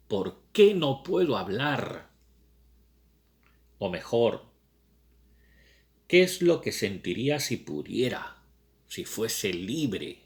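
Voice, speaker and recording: A man reading as a brooding young man, slow and low. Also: heavily acted. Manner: slow, reflective questioning.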